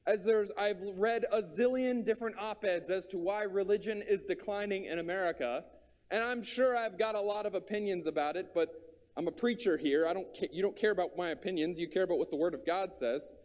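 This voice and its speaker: High-voiced preacher in a reverberant hall. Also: male voice, fairly quick, darkish tone. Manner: earnest, repeats key phrases, thinks aloud with restarts. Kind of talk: sermon.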